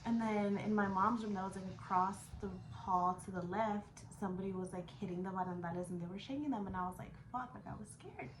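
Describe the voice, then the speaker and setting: Speaking quickly with few pauses, a woman in her 20s recounts a personal story as a vlogger, her voice medium in pitch. She's casual and slangy, swears freely, and alternates English with Spanish. Background noise and echo mark the room.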